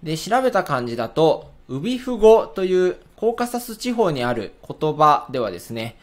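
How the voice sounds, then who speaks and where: A man who is a speech-language therapist, explaining in a patient lecture style with spoken examples and filler pauses. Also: a little high, very animated.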